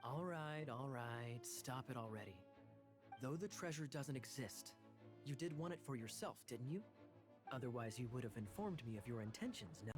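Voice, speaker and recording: Brief: smooth, teasing young male knight, game dialogue, music bed, male actor. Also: medium pitch, lively intonation, normal speed, natural voice. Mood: sly.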